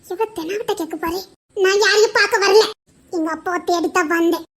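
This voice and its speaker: A woman playing a sulky young woman with a very high voice. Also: moderate pace, a bit bright, a little hiss or hum. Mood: sulking. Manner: pouting, playfully stubborn, laughing through complaints. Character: sulky, proud young woman teasing her lover. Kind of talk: amateur romantic audio drama.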